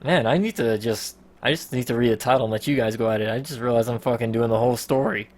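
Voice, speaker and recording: A man's voice: mid-range voice, fast talker. A man hosting a casual podcast, rambling through a story with a lot of swearing and frequent laughter. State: out of breath. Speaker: podcast host.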